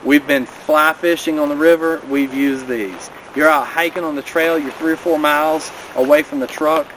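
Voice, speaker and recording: A man in his thirties talks through hiking gear in a friendly, practical way, standing by a river in a mountain valley. The camera sits a few steps off, and clear outdoor noise runs behind his voice. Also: fairly high pitch, steady tone, moderate pace, a bit bright, poor audio. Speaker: vlogger. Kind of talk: casual outdoor gear rundown. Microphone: camera a few steps away.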